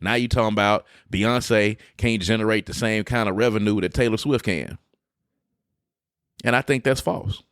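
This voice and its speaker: A man co-hosting a podcast in casual chat, animated and blunt with his opinions. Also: on the low side, moderate pace, smooth, dry recording, studio quality. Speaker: podcast co-host.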